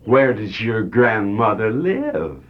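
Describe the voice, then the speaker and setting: A woman reads a storybook aloud, pushing her voice down to a rumbling low register to play a wicked, cunning male wolf who fakes sweetness. Her slow delivery is very animated and heavily acted, and the lo-fi recording sounds dull.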